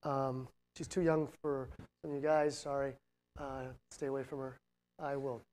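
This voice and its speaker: A middle-aged man giving a motivational leadership talk to students. He swings between loud, emphatic points and quiet, reflective asides, with jokey, self-deprecating humor. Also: mid-range voice, level tone, normal speed. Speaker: guest speaker on leadership. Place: university lecture room.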